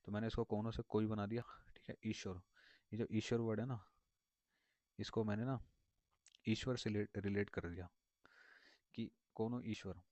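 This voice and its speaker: A man's voice: fairly low pitch, steady tone, normal speed, long pauses, a little mellow, dry recording. A man teaching vocabulary in a casual, rambling way, repeating words and circling back with many fillers. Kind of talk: casual explanatory lesson. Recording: dull lo-fi dry recording.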